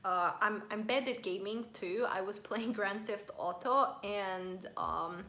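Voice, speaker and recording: A woman vlogger with a medium-pitched, pushed and bright voice speaks slowly while hosting a live stream from a roomy space. She eats as she chats casually, reading viewer comments aloud.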